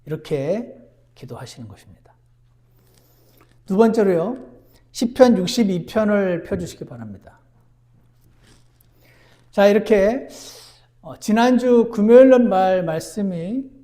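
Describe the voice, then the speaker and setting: A man preaching a sermon as pastor, earnest, moving between emphatic lines and hushed ones. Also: sits high. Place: church.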